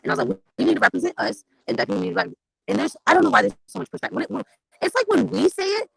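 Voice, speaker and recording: A panelist in an online discussion, talking fast and animatedly with many restarts over a video call whose stream is dropping and garbling the voice. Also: high voice, creaky, husky, no echo, rough recording. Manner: rapid, animated, many restarts and filler words. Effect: voice garbled and breaking up over a failing online stream.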